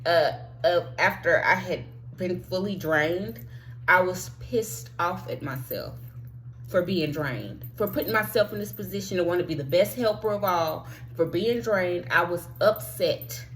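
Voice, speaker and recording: A woman's voice: lowish voice, a little slow, a bit bright, slight background noise. A woman giving a heartfelt, encouraging motivational monologue as a spiritual life coach, talking straight to her listeners and sometimes dropping to a near whisper. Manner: earnest, encouraging, addresses listeners directly.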